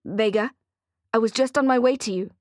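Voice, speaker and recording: A woman's voice: a little high, fairly quick, no echo, studio quality, lightly acted. A woman narrator voicing a desperate, injured man searching for a friend, in an audiobook. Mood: urgent. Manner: urgent, shouting.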